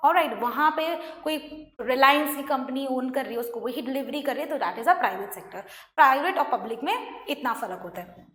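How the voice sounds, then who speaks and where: A woman's voice: high voice, expressive, moderate pace, a bit bright. A woman teaching an online class, mixing Hindi and English and explaining by asking her students questions. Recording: echoey room, faint noise.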